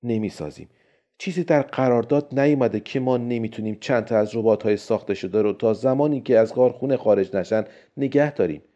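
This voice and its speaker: A man voicing a calm, friendly male robotics expert who patiently reasons his case, in a storybook reading. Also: mid-range voice, lightly acted. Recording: dull lo-fi recording.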